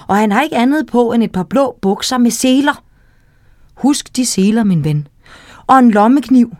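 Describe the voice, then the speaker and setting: A small, clever fish from a children's storybook, calm and sure of itself as it gives advice. A woman reading aloud puts it on, in a slightly high voice. The sound is close and dry. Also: no room sound, natural voice. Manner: knowing, advising.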